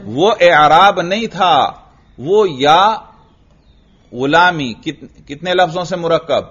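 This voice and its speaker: A man teaching an Arabic grammar lesson, asking his students questions, answering them himself, and drawing out the example words slowly. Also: on the high side, expressive, fairly bright tone. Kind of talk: classroom lesson. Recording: dull lo-fi recording.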